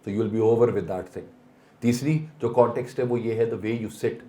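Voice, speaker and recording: A man's voice: medium pitch, steady tone, mellow. A man giving a motivational seminar talk, mixing English phrases into Urdu and asking rhetorical questions. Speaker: seminar speaker. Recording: echoey hall.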